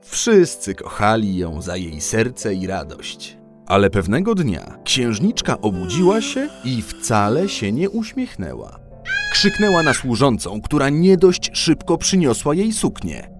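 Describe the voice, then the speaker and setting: Man reading a fairy tale, slow pace, lively expressive pitch, soft music behind. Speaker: storyteller. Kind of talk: fairy tale read aloud.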